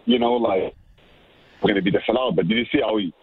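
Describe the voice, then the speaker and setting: A man calling in as a guest on sports talk radio, excitable, often repeating himself and starting over. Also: fairly low pitch, quick pace, slightly rough, dry recording. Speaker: radio show guest analyst. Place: in Montreal. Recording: tinny phone line.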